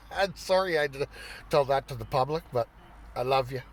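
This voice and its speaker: A man's voice: mid-range voice, moderate pace. A middle-aged man telling stories in a casual chat, laughing often and swearing casually. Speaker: vlogger. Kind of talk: casual storytelling.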